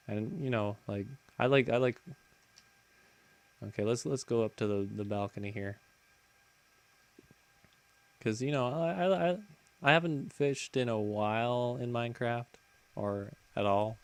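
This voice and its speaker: A man's voice: fairly low pitch, clear, resonant tone. A man hosting a casual game commentary, chatting in a rambling way and often correcting himself mid-sentence. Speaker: let's play host.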